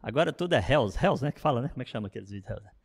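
A middle-aged pastor delivers a sermon in an animated, conversational style, often turning aside to address the congregation. His mid-range voice races along with a creaky quality, and the sound carries the feel of a big room.

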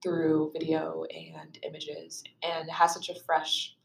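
Young woman, kinda low voice, laid-back podcast chat, lots of likes. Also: vocal fry, reverberant. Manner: relaxed, measured, many likes. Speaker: podcast co-host.

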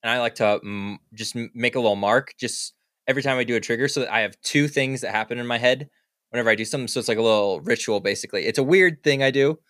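A man's voice: mid-range voice, fast, no room sound. Dry-sounding man hosting a podcast. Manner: relaxed, laughs lightly, short agreeing replies. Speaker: podcast host. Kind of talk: casual chat.

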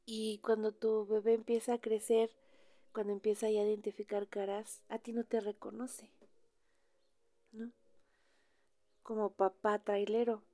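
A woman's voice: mid-range voice, unhurried, long pauses, dry recording. A middle-aged woman with a Mexican accent, chatting casually to other wives and often dropping into a whisper. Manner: chatty, animated, drops into whispers. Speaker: trucker's wife sharing experiences.

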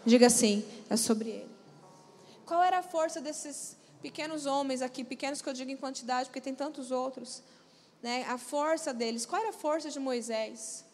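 A woman's voice: high voice, moderate pace, a little mellow, long reverb tail, slight background noise. A woman pastor preaching a sermon, speaking emphatically and calling out to the congregation for responses.

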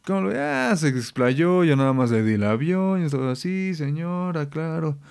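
A man's voice: a little high, very animated, fairly quick, gravelly, darkish tone, clean tone. A young man with a Mexican accent hosting a podcast, telling stories in a slangy, joking rant. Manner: slangy, joking, laughs often. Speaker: podcast host. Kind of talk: casual storytelling rant.

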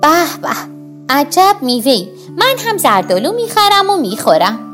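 A woman's voice: very animated, fairly bright tone, soft background music. A woman voicing a tiny, indignant pea boy in a storybook tale, crying out in protest. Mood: delighted. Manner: shrill protesting cries.

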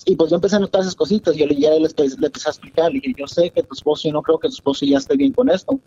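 A man's voice: fairly high pitch, animated, racing, dark tone, slightly rough. A man calling in to a radio show, telling a long confessional story in a rambling way over a dull phone line. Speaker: caller.

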